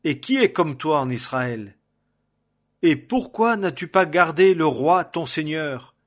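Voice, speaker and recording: A man's voice: mid-range voice, fairly even intonation, unhurried, a bit bright. A man voicing a young male warrior, declaiming in a raised voice. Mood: reproachful calling.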